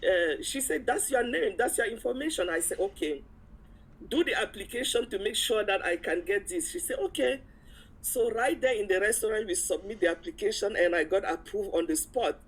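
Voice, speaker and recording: The audio is low quality, and the woman's mid-range voice sounds slightly rough at a moderate pace. As a guest in an interview, she relates a personal story casually, performing the dialogue and chuckling frequently in an animated retelling.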